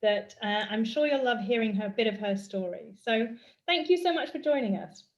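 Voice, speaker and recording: A woman's voice: a little high, a little fast, muffled recording. Upbeat woman hosting an interview. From United Kingdom. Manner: upbeat and excited. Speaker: podcast host. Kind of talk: casual interview chat.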